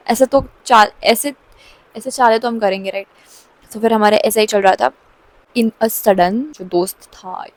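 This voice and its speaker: A woman's voice: medium pitch, poor audio. A young woman telling a casual storytime vlog, chatty, with lots of fillers. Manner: chatty, mixes English into her speech, many fillers and restarts; laughs while telling.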